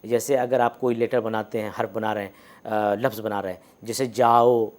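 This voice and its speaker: A man's voice: fairly low pitch, fairly even intonation, darkish tone. A man giving an academic lecture on letters and pronunciation, explaining patiently with frequent hesitations and spoken example sounds. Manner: explains slowly with many hesitations and demonstrated sounds.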